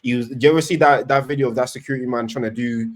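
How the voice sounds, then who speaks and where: A man co-hosting a casual football podcast, talking in an animated, rambling way with many restarts. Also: mid-range voice, very fast. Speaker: podcast co-host, Arsenal fan.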